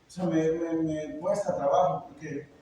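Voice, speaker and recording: Casting: middle-aged preacher, high-ish voice, chatty and joking, heard from far in a roomy church. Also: male voice, fairly even intonation, measured pace, warm tone, slight background noise. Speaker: pastor. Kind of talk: sermon. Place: church hall. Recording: echoey church hall, mic far off.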